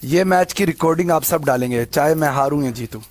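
Quick, high male voice who insists and taunts, with some faint noise behind him. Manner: insistent, taunting, repeats demands. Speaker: livestreamer in a live battle. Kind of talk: heated live argument. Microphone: phone.

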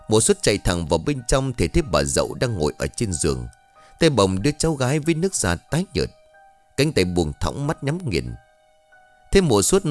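A man narrating a ghost story with dramatic, expressive delivery. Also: lowish voice. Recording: soft background music.

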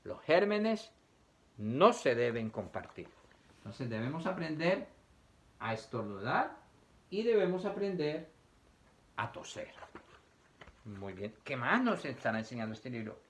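A man's voice: medium pitch, sing-song, unhurried, long pauses. A man teaching young children, reading a picture book aloud, asking them questions and acting out sneezes and coughs.

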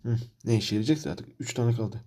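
Husky, frustrated gamer man ranting. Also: mid-range voice, fast, mellow. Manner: frustrated, ranting, repeats himself. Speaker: gamer playing a football manager career. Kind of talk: let's-play commentary.

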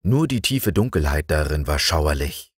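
A man narrating a fairy tale as a calm bedtime audiobook reader. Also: rumbling low, moderate pace, slightly rough, no room sound, studio quality. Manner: calm, expressive storytelling.

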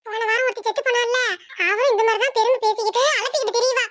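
A woman's voice: very high-pitched, steady tone, rapid-fire, no room sound. A woman voicing a bossy, scolding middle-aged mother-in-law with a Tirunelveli Tamil accent. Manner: scolding, sharp-tongued.

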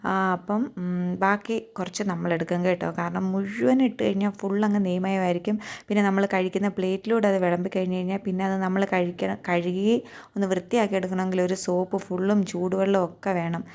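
A woman's voice: mid-range voice, flat delivery, a little fast, gravelly, darkish tone. A young adult woman with a Keralite Malayalam accent, giving chatty voice-over narration for a home cooking vlog and often turning to ask viewers for their thoughts. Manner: chatty, tags many sentences with a friendly aside, asks viewers to share. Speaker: cooking vlogger. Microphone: voice-over recorded separately.

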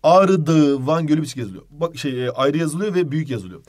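A man teaching an exam-prep grammar lesson, speaking directly to his students and running through examples in quick lists. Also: on the high side, animated, a little mellow. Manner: direct, addresses students informally.

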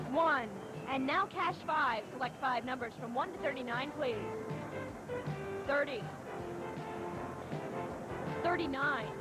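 A woman lottery draw host formally announcing a live drawing and calling out numbers in a measured way. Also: high voice, rough recording. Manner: measured, formal presenter delivery. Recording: loud music behind, old TV tape.

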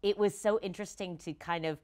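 Here the same kind of guest, a woman in her thirties who plays tabletop games, talks briskly at a medium pitch on a gaming discussion show's TV-style studio set. Her casual chat rambles animatedly, frequently dropping "like" and "you know."

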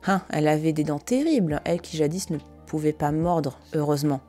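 Lady streamer reading an old novel out loud, lowish warm voice, bit of music playing behind. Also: a little fast. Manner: casual, filler-heavy asides between read passages. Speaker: live-stream reader and host. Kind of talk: reading a classic novel aloud with chatty asides.

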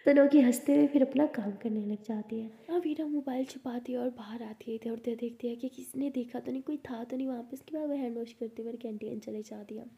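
A woman narrating a love story in a conversational, unhurried way. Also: on the high side, steady tone, vocal fry, warm tone. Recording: roomy, reverberant, dull lo-fi.

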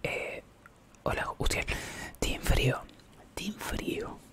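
Very slowly and in a soft whisper, an ASMR live streamer with a Rioplatense Spanish accent talks with his viewers. His chat is playful and wanders freely.

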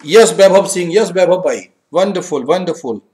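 A man with an Indian accent teaching an English grammar live class in a mix of Hindi and English, energetic and coaxing, reading sentences slowly and murmuring to himself while he checks answers. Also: sits high. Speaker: exam-prep English teacher. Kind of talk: live online class, Hinglish.

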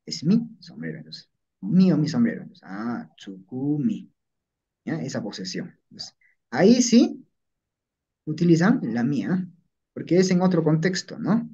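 Male teacher, husky voice, dull lo-fi sound, patient explaining. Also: a little high, big pitch swings, moderate pace, warm tone. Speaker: language teacher. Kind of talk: classroom lesson. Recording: dull lo-fi recording.

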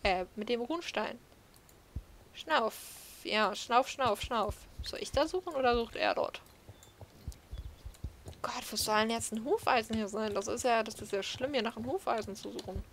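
A woman's voice: fairly high pitch, a little fast, slight background noise. Chatty woman commenting on gameplay. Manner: chatty self-talk, playful. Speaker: let's play host.

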